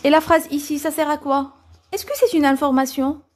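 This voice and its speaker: High-voiced woman teaching grammar. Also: fairly even intonation, normal speed, faint music behind. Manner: asks the class questions and answers them herself; repeats "c'est bon?" to check understanding. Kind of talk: grammar lesson for children.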